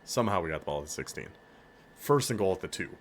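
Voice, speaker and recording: A man with a northern American accent giving casual, excitable commentary on his football video game, hyping up his players and laughing often. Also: sits low, fast talker, background noise. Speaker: gaming YouTuber.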